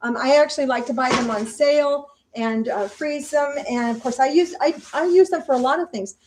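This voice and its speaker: An older woman with a high voice talks casually while she cooks in her home kitchen. She chats in a friendly, homey way, narrating each step as she goes. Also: fairly quick, background noise. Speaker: vlogger. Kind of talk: casual cooking vlog.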